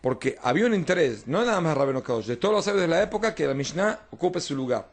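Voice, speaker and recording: Rabbi guy teaching talmud, gravelly voice, keeps asking if everyone follows. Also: on the high side, very animated, fast. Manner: explains texts, often checks understanding with "¿hon?". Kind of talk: informal Talmud class.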